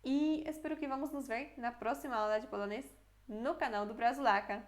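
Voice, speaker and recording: A woman's voice: a little high, brisk. A young adult woman teaching a casual online language lesson, explaining step by step and checking in with the viewer often.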